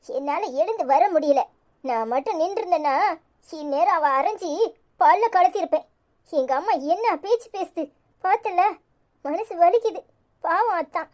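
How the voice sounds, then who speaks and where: A woman's voice: extremely high pitch, moderate pace, a little mellow. A woman voicing a distressed young wife and daughter in a cartoon serial, speaking with a Tirunelveli Tamil accent in an anxious, indignant, urging way. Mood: upset.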